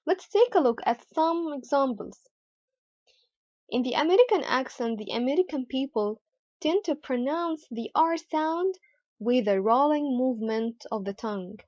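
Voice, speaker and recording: Female pronunciation tutor, measured and deliberate, a touch high, lo-fi dry recording. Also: animated, a little mellow, dry recording. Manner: carefully repeats model words for practice. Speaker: English pronunciation teacher. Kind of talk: slow, deliberate teaching explanation. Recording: dull, slightly lo-fi dry sound.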